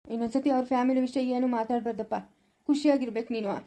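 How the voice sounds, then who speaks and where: A woman playing a gentle aging father. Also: a little high, steady tone, quick pace, natural voice. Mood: soothing. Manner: soothing, repeating reassurances. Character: aging father, gentle and protective toward his son. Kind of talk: family short-drama acting.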